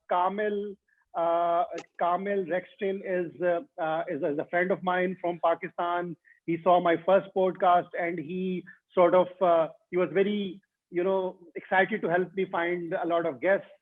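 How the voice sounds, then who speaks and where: A man hosting a podcast interview, speaking hesitantly with many fillers and restarts. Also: sits high. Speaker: podcast host. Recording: tinny phone-like line.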